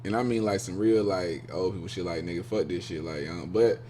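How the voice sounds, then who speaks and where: A man co-hosting a casual podcast chat, talking fast with lots of fillers and repeats. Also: low voice, dark tone, slight background noise. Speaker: podcast co-host.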